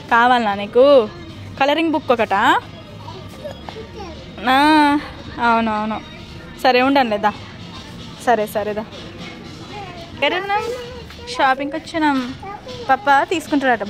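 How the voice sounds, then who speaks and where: A woman's voice: a little high, a bit bright. A young mother, chatting to camera and coaxing and fussing over her small son. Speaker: mother vlogging a family outing. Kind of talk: casual family vlog. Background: background music.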